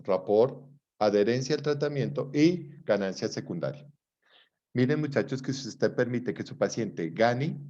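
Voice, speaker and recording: A man, a psychologist lecturing students and acting out dialogue from his stories. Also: mid-range voice. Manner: lively storyteller, acts out dialogue. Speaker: psychologist teaching a class. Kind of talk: lecture with anecdotes. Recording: dull lo-fi recording.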